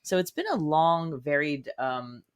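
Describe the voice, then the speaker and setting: A woman with a low, clean-toned voice speaks a little slowly as an interview guest. She's a playwright, effusive and conversational, leaning on words with emphasis as she explains her craft.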